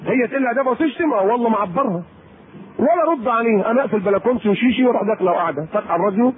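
Egyptian male preacher, playful and animated, on a thin phone-like lecture recording. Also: very high-pitched, rapid-fire, slightly rough. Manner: lively, teasing, acts out quoted people. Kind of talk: colloquial sermon to women. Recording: tinny phone-like lecture tape with faint hiss.

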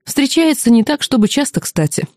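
A woman voicing a sly, enthusiastic mentor mage in an audiobook, snarky and brisk. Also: high voice, sing-song, darkish tone, no echo, studio quality, pitched above the performer's own voice. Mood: explaining. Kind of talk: audiobook character reading.

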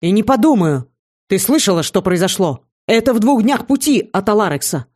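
A woman's voice: medium pitch, a little fast, a little mellow, natural voice. Woman doing a blunt young werewolf. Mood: brash. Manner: blunt, matter-of-fact. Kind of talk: audiobook character voice.

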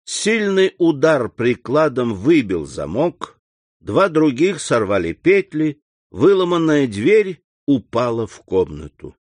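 A man reading a classic novel aloud as an audiobook narrator in a measured, expressive way. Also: medium pitch, dry recording.

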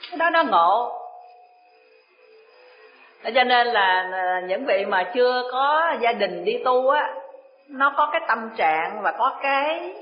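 A woman's voice: a little high, animated, takes it slowly, pauses often. Woman giving a dharma talk. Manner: chatty storytelling, laughs often. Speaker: Buddhist teacher of nuns. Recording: echoey room, dull lo-fi sound.

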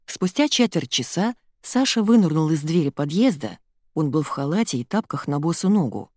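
A woman narrating an audiobook in an expressive, storytelling manner. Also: low-pitched, moderate pace, dry recording.

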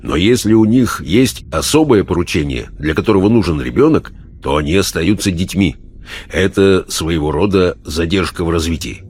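A man doing a husky, low-voiced expert. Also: animated, moderate pace, darkish tone. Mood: matter-of-fact. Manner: dry, explanatory. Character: sober grown man, spiritualist expert, calm. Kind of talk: audiobook character voice.

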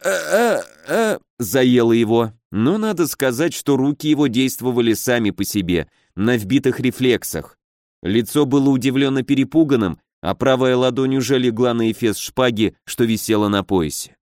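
A man reading a first-person fantasy story aloud with steady, measured storytelling. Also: mid-range voice, no room sound, studio quality. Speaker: audiobook narrator.

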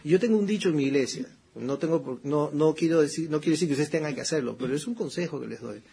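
A man's voice: a little high, vocal fry, dark tone, breathy edge. A man preaching a conversational sermon as a pastor, often tossing in rhetorical questions. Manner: chatty, repeats phrases, frequent rhetorical "¿no?" asides; fervent prayer voice, slow and emphatic.

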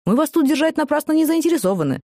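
A woman voicing a small, jovial old male prison duty officer with a low rolling voice who speaks in a folksy, unhurried, avuncular way. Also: big pitch swings, warm tone. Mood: genial.

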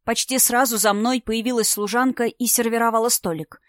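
A woman narrating an audiobook in the first person, steady and expressive. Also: fairly high pitch, a little fast, no room sound, clean studio sound.

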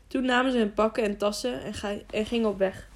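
A woman reads a storybook aloud in a calm, steady voice. Her pitch sits right in the middle of the range for women. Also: brisk. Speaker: audiobook narrator. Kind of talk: scripted narration.

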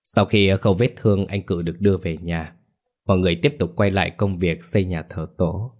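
A man giving steady scripted story narration. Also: deep voice, brisk.

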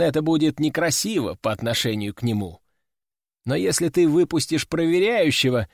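A man's voice: medium pitch, gravelly, no echo, studio quality. A man narrating an audiobook in a wry, matter-of-fact way.

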